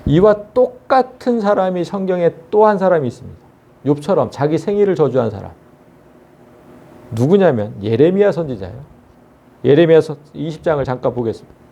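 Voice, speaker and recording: An earnest male pastor preaching a sermon, often turning to the congregation with rhetorical questions. His voice is mellow and somewhat high, with lively rises and falls. The recording sounds dull and lo-fi. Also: fairly quick, vocal fry.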